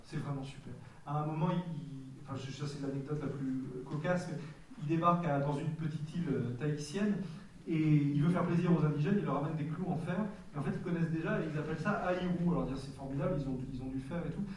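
A man in his forties from Nice, a guest author answering questions in a candid, halting way at a public event. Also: a little high, darkish tone, a little hiss or hum. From Nice, France. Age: 40s. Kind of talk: casual public Q&A. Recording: echoey hall from far off.

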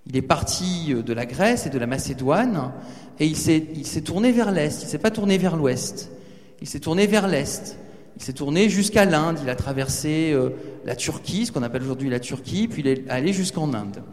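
A man giving a lively talk to students in a large hall, teasing and speaking to the audience directly. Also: on the high side, normal speed. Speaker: guest speaker addressing students. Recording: reverberant hall.

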